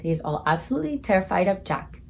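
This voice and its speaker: A woman's voice: mid-range voice, very animated, quick pace, vocal fry, a little hiss or hum. A woman voicing a kindly old male giant who whispers in quaint, broken grammar. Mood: hushed.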